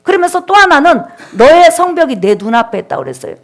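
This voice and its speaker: A woman's voice: high-pitched, sing-song, quick pace. A woman pastor preaching a sermon, speaking directly to the congregation and retelling people's words as she leads them in call-and-response. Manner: storytelling, reenacting people's words.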